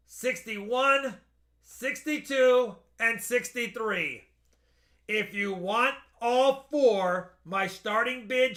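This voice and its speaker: A man gives a casual live auction sales pitch in an unusually high, bright voice. He takes his time and repeats details carefully for buyers. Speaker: host selling coins by live auction.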